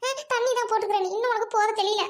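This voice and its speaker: A woman with a Trichy Tamil accent acting a shrill, nagging village mother-in-law in a comedy skit. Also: fairly even intonation, very fast. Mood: scolding.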